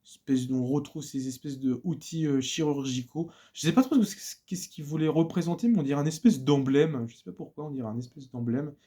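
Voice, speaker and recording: A man's voice: fairly high pitch, fairly quick, few pauses, warm tone. A man chatting casually in a video about his purchases, talking with many fillers and restarts. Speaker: vlogger presenting records and books. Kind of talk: casual chat.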